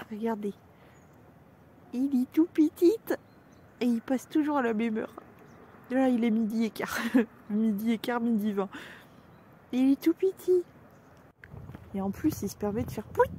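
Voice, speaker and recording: Chatty woman with a bright, higher voice. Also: slight background noise. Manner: chatty, breaks into high, cooing baby talk toward her animals. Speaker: vlogger. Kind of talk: casual vlog chat. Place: outdoors in a cold yard with animals.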